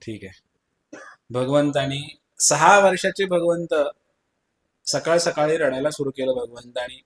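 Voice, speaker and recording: A man's voice: fairly high pitch, unhurried, a bit bright. A man preaching a devotional sermon to a live audience. He tells the story vividly, acts out the dialogue and puts questions to the listeners.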